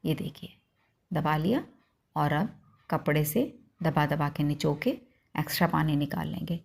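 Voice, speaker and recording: Lady showing how to cook at home, kinda low voice, explains every step to you. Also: measured pace, vocal fry, slightly rough. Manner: homely, instructive, addresses viewers directly. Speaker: cooking channel host. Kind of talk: home cooking demonstration.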